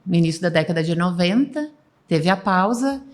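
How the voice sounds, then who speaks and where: A woman's voice: lowish voice, animated, normal speed. A woman in her fifties, a team president talking casually as a podcast guest, rambling and restarting her sentences. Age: 50s.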